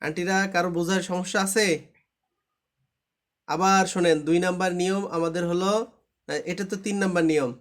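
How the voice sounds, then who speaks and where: A man's voice: sits high, steady tone, a little fast, long pauses. A man teaching Quran recitation in a live online class, patient and repetitive, often checking that students understand.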